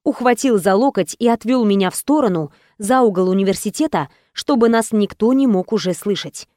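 A woman's voice: medium pitch, a little fast, mellow, no room sound. A woman giving an earnest, emotional first-person audiobook narration into a close studio mic.

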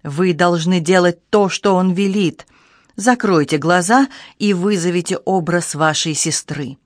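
A woman's voice: fairly low pitch, expressive, a little slow, no room sound. An insistent woman medium running a séance in a storybook reading, her voice urgent and commanding, as a narrator puts her on. The sound is dry and close, with no room around it.

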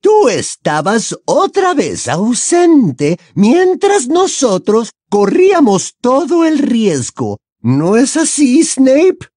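A man playing a fanatical woman, shrill and very high, strained, accusing, audiobook voice, dry close recording. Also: huge pitch swings, takes it slowly, hardly any pauses, mellow, no echo, exaggerated voice. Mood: furious. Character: shrill, scornful adult woman, fanatical and quick to anger. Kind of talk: audiobook character voice.

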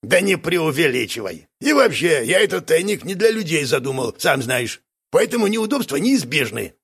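A man voicing a raspy, smug little crook. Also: fairly high pitch, very animated, moderate pace, voice pushed up, exaggerated voice. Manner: smug, unflappable. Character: scheming boastful male crook, smug. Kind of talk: audiobook character voice.

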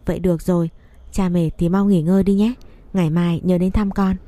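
A woman's voice: on the low side, fairly even intonation, fairly quick, dark tone, no echo, close to an everyday voice. A woman voicing a sweet, considerate little daughter in a read-aloud story. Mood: caring. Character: small affectionate understanding daughter.

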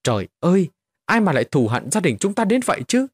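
A man voicing grieving village daughters in a storybook narration, his voice pushed high and shrill. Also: very animated, fast talker, breathy edge, no echo, full character voice. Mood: wailing. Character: daughters of the dead, bickering then wailing women.

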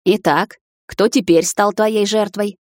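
A woman's voice: medium pitch, steady tone, a little mellow, no room sound, lightly acted. A proud young witch heroine, voiced by a woman. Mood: mocking. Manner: cool, mocking, quick to flare up.

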